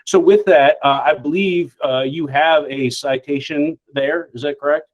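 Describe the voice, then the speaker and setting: A man leading a state office, giving informal, halting remarks at a virtual award ceremony. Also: a little high, steady tone. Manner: informal, halting, lots of "uh" and repeated words. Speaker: state office executive director presenting an award. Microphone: video call. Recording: lo-fi video call audio.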